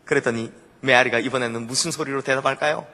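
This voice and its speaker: A man's voice: medium pitch, fairly even intonation, fast talker, sharp tone, in a large hall, a little hiss or hum. A male pastor preaching a sermon, telling a story with animation and putting questions to the congregation. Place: church sanctuary.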